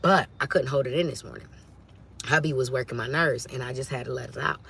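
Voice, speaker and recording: A woman, hosting a casual livestream from home, talking straight to her viewers in a lively, preachy way. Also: rumbling low, quick pace, creaky, slight background noise. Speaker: channel host on a livestream.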